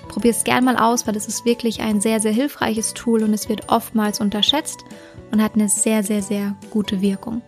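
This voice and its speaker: A woman hosting a dog-training podcast, explaining calmly with many fillers and self-corrections. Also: medium pitch, normal speed, soft background music. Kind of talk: casual instructional podcast talk.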